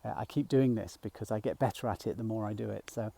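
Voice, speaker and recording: A middle-aged man talking gently while walking outdoors, a little out of breath, rambling with fillers as he guides a mindfulness practice. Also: lowish voice, quick pace, vocal fry, a little hiss or hum. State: slightly out of breath. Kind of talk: casual walking vlog. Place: outdoors in a field by a small woodland.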